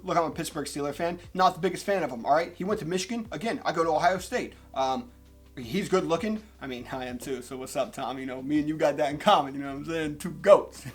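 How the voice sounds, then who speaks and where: Young male sports vlogger, brisk and jokey, slightly high-pitched voice, faint music underneath. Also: husky. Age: young adult. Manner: joking, animated, swears casually. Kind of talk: casual sports commentary vlog.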